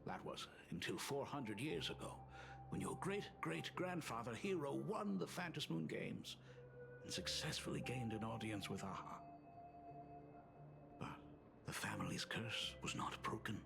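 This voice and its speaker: An actor playing a solemn, aging father in a video game, with an old man's gravelly voice and a grave, wistful delivery. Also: medium pitch, very animated, measured pace, music in the background. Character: solemn aging father, fatherly artist burdened by family curse. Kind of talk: dramatic video game voice acting.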